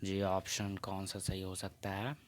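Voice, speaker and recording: A male teacher leads an exam practice lesson, working through quiz questions and reading each answer option aloud. His voice sits a little low, and he talks at a slow, unhurried pace. He often slips English phrases into his explanations. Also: monotone, a little hiss or hum.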